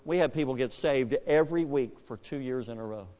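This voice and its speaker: An older man, a pastor, preaching a story-driven sermon, shifting from hushed asides to booming bursts. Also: brisk, in a large hall. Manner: animated, swings from hushed to booming. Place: church.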